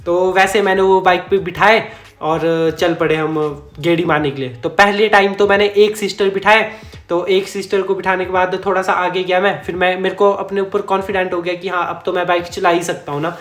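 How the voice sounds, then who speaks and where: Male vlogger, high voice, chatty storyteller who chuckles and corrects himself, echoey room. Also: level tone, a little fast, a bit bright. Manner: chatty, rambling, self-correcting, chuckles often. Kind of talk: casual storytime narration.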